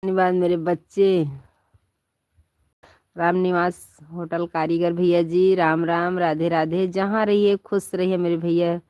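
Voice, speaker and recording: Slow-talking playful woman on a live stream. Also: on the low side, flat delivery, no room sound, muffled recording. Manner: chatty and playful, laughs often, calls viewers "my child". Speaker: live-stream host chatting with viewers. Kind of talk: casual live chat with viewers. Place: at home in bed under a quilt.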